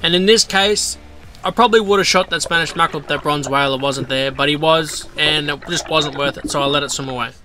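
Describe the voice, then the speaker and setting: A man, narrating his spearfishing outing in a relaxed, explanatory voice-over. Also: a little high, brisk, soft background music, poor audio. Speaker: vlog host narrating.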